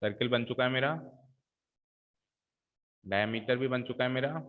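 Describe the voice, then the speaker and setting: A man's voice: medium pitch, fairly even intonation, normal speed. A middle-aged man teaching a maths lesson, talking students through each step and checking in with them often. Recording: tinny phone-like sound.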